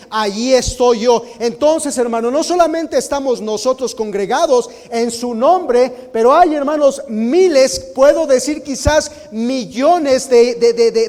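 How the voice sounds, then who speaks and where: A man's voice: very high-pitched, a little mellow, big-room sound. A man, a guest missionary, teaching a Sunday school Bible lesson, earnest and nervous, often stumbling and repeating words. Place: church sanctuary.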